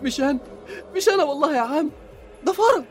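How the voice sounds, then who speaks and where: A man's voice: very high-pitched, sing-song, fast talker. An Egyptian-accented actor playing a cowardly young man who pleads and panics. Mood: panicky. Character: cowardly young man, jittery, easily terrified.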